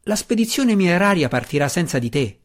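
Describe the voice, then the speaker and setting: An earnest, wry dark elf warrior, voiced by a male narrator. He talks in a pressing, slightly raised voice, as he pushes a friend in a fantasy audiobook. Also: high-pitched, very animated, fairly quick, pitched above the performer's own voice.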